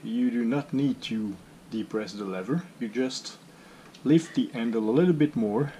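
In this hands-on demo from a home workshop, a middle-aged man explains his homemade simulator cockpit calmly and one step at a time, his phrasing that of a non-native speaker. His mid-range voice moves at a measured pace, captured off screen by the camera mic in a clear recording with background noise.

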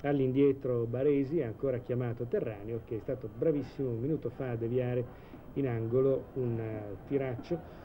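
A man giving measured live football commentary in a 1980s TV broadcast style, hesitating now and then mid-sentence. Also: mid-range voice, poor audio. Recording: old TV broadcast, steady stadium noise.

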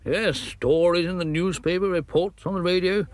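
A man's voice: sits high, fairly even intonation, moderate pace, natural voice. An actor voicing a fussy, pompous elderly male womble who muses aloud in a cartoon. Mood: musing. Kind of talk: cartoon voice acting.

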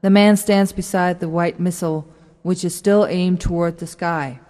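Reading scripted stage directions at a moderate pace, a woman speaks with fairly even intonation. Her voice is mellow and slightly low, and a long hall reverb surrounds it.

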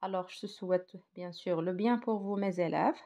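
A woman's voice: fairly low pitch, normal speed, mellow. A woman teaching a primary school grammar lesson, hesitant with many fillers, switching between French and Arabic to explain. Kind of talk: recorded grammar lesson for children.

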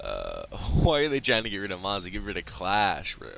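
A man's voice: low-pitched, wildly swooping pitch, moderate pace, gravelly, fairly bright tone, slight background noise. A young man giving laid-back, mumbled gameplay commentary while playing, dropping slang as he goes. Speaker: gamer streaming his match.

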